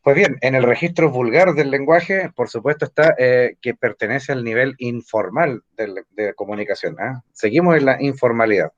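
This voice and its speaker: This muffled video call recording, made on a computer or phone mic, captures a Chilean-accented man teaching an online evening language class. His mid-range voice moves at normal speed with hardly any pauses. He explains using rhetorical questions and repeated "¿ah?" tags.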